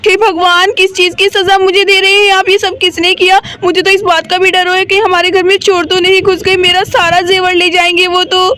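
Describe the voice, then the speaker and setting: A woman's voice: very high voice, flat delivery, moderate pace, hardly any pauses, bright, forceful tone. A woman voicing a sick mother in a doll story, fretting anxiously and asking over and over what to do. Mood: panicked. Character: sick, tied-up mother, fretful and panicky.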